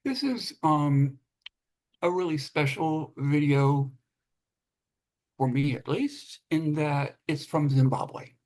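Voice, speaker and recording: A man presenting poetry at an open mic, reading and introducing it informally with a halting delivery. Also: fairly high pitch, darkish tone, low-quality recording.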